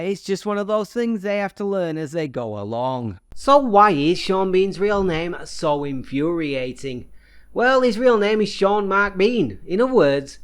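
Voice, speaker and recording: Male vlogger, a touch high-pitched, dry and close, tongue-in-cheek indignation. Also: no echo. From Yorkshire, England. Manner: mock-exasperated, playful. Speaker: movie review vlogger.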